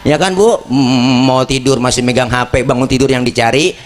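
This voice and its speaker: A man's voice: mid-range voice, a little fast. A man giving a joking sermon, talking straight to the crowd. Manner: joking, lively, addresses the crowd directly. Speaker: preacher. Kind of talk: comedic sermon.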